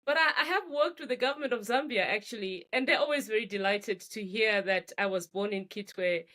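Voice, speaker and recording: Speaking at a medium pitch, a middle-aged woman from Zimbabwe chats as a guest author in an easygoing interview. Her manner is lively and quick to laughter, and she tends to repeat words as she gathers her thoughts.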